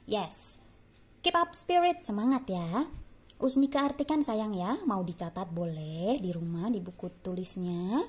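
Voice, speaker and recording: Indonesian woman teaching English slowly. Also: mid-range voice, animated, breathy edge. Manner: repeats words slowly for pupils to copy; affectionate, calls pupils dear. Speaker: primary school English teacher. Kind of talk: bilingual classroom lesson.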